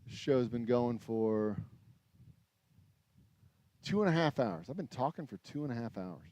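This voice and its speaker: A distillery owner in his forties with an American accent runs a casual livestream from his small craft shop while working. His mid-range voice is expressive and mellow at normal speed, though a little raspy from long talking, and he rambles, interrupts himself and mildly swears.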